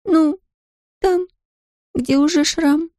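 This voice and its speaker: A narrator voicing a distraught young daughter who pleads in a high, shaky, tearful voice. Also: very slow, warm tone, dry recording, studio quality. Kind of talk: audiobook character voice.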